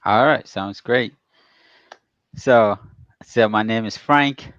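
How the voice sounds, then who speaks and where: A man's voice: fairly low pitch, slow pace, fairly bright tone, clear, resonant tone, no room sound, dull audio. A man in his thirties from Ghana, a guest telling his story easygoingly with plenty of ums. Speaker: guest, pharmacist and real estate investor. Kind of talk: casual interview.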